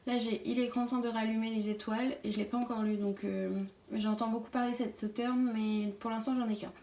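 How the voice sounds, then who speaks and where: A woman's voice: on the high side, little pitch movement, brisk, dark tone, roomy sound. A young woman giving a casual, chatty tour of her bookshelf, with many fillers. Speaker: book vlogger.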